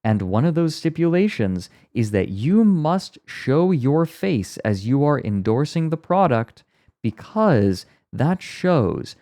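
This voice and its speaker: Speaking slowly but very animatedly, a man reacts to a video on a casual stream, rambling, explaining and adding wry asides. His voice is medium in pitch with a dark tone. He records under a blanket for sound deadening with a close mic inside the fort, so he comes across muffled, though the quality is studio-grade with no echo.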